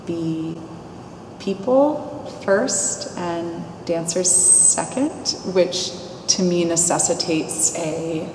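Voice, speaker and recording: A woman with a somewhat low voice reflects on her teaching, thinking aloud and hunting for words. She is far from the mic in a reverberant hall with noticeable background noise. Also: extremely slow. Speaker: dance teacher. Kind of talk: interview reflection. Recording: echoey hall, distant, noisy.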